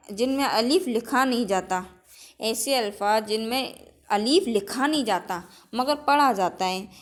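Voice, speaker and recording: Woman teacher, slightly high voice, exam-prep lesson, repeats rules and quizzes the class. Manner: repeats each rule, then quizzes it back; drills with example words in a list.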